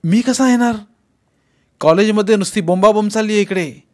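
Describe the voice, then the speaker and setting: A man's voice: high voice, normal speed, a little mellow, voice pushed up, lightly acted. A man reading a story aloud, voicing a harried college principal who pleads he cannot leave his post. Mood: exasperated. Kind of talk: audiobook character reading.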